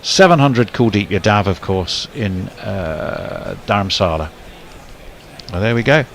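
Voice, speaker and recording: A man's voice: fairly low pitch, lively intonation, a little slow, creaky, a little hiss or hum. A man doing casual ball-by-ball cricket commentary, rambling with fillers and restarts.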